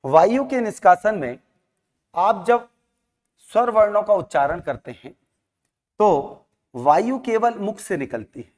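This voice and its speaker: A man's voice: high-pitched, lively intonation, unhurried, pauses often, darkish tone. A man teaching a lesson, repeating sounds aloud and asking questions he then answers himself. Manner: drills sounds by repetition, asks and answers own questions. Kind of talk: classroom lecture. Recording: long hall reverb.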